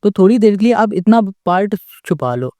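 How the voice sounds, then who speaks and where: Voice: medium pitch, expressive, a little fast, dark tone, no echo. A maths tutor giving a step-by-step lesson. The tutor keeps asking the class rhetorical questions and checks in with "okay?" after each step, patiently restating points.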